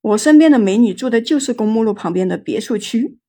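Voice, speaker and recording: A woman voicing a jovial, lecherous man in his forties who is quick to shout, in a told ghost story. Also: mid-range voice, breathy edge. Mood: brash. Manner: brash, cheerful, quick to shout.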